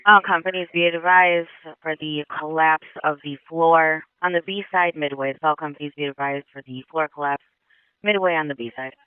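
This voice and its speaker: A man's voice: fairly high pitch, fairly even intonation, moderate pace, clear, resonant tone, no echo. A man working as a fire dispatcher, giving clipped, repeated announcements over a two-way radio. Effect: two-way radio transmission. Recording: tinny narrow-band radio audio.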